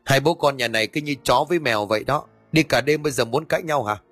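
A man's voice: mid-range voice, quick pace, a bit bright, faint music behind, natural voice. A male narrator voicing a middle-aged uncle who teases the quarreling father and son. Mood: teasing.

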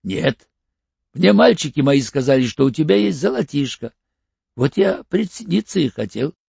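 Man reading a curt, gravelly ex-convict. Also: on the high side, big pitch swings, moderate pace, darkish tone, dry recording, muffled recording, heavily acted. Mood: hard, curt. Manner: blunt, clipped, threatening. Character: tough hardened male ex-convict, curt and cool.

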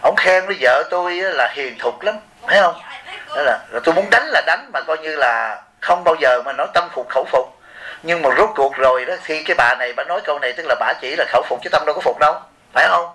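A man gives a casual sermon at a rapid clip. His voice is bright and forward. He wanders through stories and trades remarks with the audience. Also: a little high. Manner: rambling storytelling, bantering with the audience. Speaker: monk giving a dharma talk. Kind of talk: informal sermon with anecdotes.

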